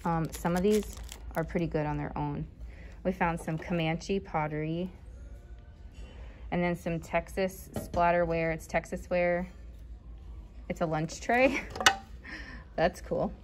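A woman's voice: on the low side, fairly even intonation, slow pace, long pauses, a little hiss or hum. A woman in her thirties, a vintage reseller, chatting casually through a thrift-store haul, thinking aloud with fillers and small laughs, recorded on a handheld phone in a large store.

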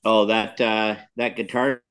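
A man chatting casually over a video call whose audio keeps breaking up. He talks haltingly and corrects himself as he goes. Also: on the low side, little pitch movement, a bit bright, clean tone. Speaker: club member calling in. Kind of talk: casual chat.

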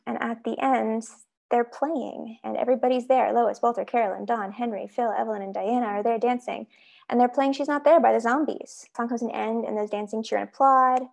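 A woman's voice: a little high, creaky, darkish tone. A woman reading stage directions aloud in a matter-of-fact way during a script read-through.

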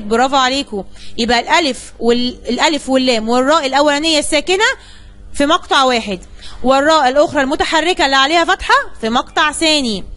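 A woman's voice: sits high, a bit bright. A woman teacher with an Egyptian accent explaining word syllables step by step to a young class. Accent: Egyptian Arabic.

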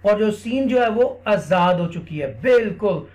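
A man teaching other Quran teachers a classroom technique in a screen-recorded tutorial. He explains step by step, often checks in with "theek hai", and reads English lines slowly and deliberately. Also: high voice, lively intonation, a little mellow. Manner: slow, deliberate English read-aloud.

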